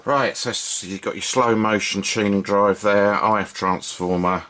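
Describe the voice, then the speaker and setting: This man's voice is on the low side, steady, a little slow, and pushed and bright. Hosting a hobby radio repair video, he gives an unscripted hands-on demonstration at an indoor workbench, casual and understated, hesitating as he thinks aloud.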